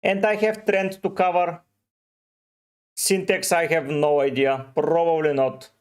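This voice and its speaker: A man's voice: on the high side, steady tone, unhurried, clear, resonant tone. A man from Bulgaria, hosting a casual livestream and giving short, offhand answers to viewers' chat messages. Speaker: fantasy football streamer.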